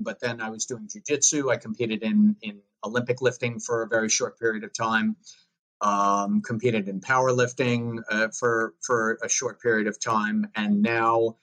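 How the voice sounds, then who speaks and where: Long island guy in his 30s, guest on a podcast, jokey and rambling, mid-pitch voice. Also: fairly even intonation, a little slow, fairly bright tone, poor audio. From United States. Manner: chatty and jokey, with frequent restarts. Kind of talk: casual interview chat.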